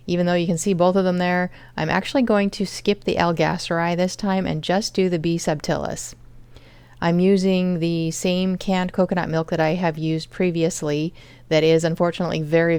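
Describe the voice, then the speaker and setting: A woman's voice: fairly low pitch, darkish tone, clean tone, no echo. A woman casually narrating her home cooking vlog, explaining each step as she goes. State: chronic fatigue.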